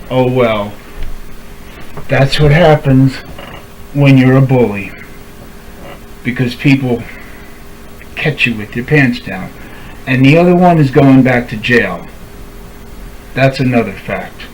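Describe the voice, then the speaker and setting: A man's voice: medium pitch, slight background noise, low-quality recording. Pleading man in an emotional vlog. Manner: heartfelt, pleading, repetitive. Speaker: vlogger. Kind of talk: emotional direct-to-camera monologue.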